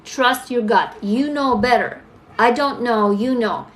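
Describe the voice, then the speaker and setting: A young woman talks frankly into her phone on a live stream, answering viewers' comments as they come in. Her voice sits a little high for a woman, and she speaks in a casual, open, unscripted way. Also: a little slow. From Russia. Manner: candid, talks straight to viewers, reads comments aloud. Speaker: livestream host.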